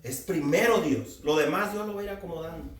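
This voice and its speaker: A man's voice: fairly high pitch, fairly quick, echoey room, distant mic. A man in his forties preaching a sermon, exhorting and addressing the congregation directly. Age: 40s.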